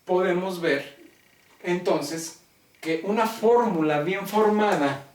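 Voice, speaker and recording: Slow Mexican man lecturing in echoey room. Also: high-pitched, darkish tone. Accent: Mexican Spanish. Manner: deliberate, keeps checking with "¿sí?". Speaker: logic teacher. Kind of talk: classroom lecture. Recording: roomy classroom, mic far off.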